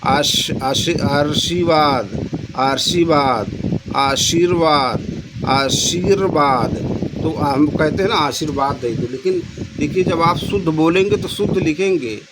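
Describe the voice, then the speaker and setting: A man's voice: fairly high pitch, moderate pace. A man tutoring exam questions, repeating key phrases and drawing out each answer option. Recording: noisy background with passing traffic.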